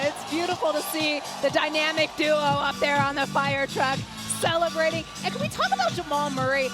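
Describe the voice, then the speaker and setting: A woman hosting live TV coverage of a celebration, with an excited, projecting delivery. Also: sits high. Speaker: TV broadcast host. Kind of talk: live celebration parade commentary. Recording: crowd noise and music behind voice. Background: cheering crowd and music.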